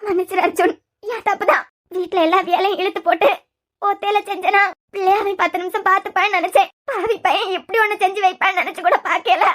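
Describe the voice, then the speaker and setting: Woman doing a shrill, wailing old grandmother. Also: steady tone, fast, fairly bright tone. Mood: lamenting. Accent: Kanyakumari Tamil. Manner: lamenting, wailing. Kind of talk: cartoon serial voice acting.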